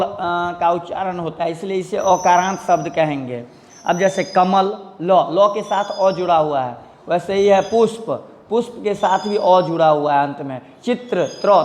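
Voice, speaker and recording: A man's voice: sits high, long reverb tail. A man teaching a children's Sanskrit lesson, reading word lists with their meanings and saying "okay" often.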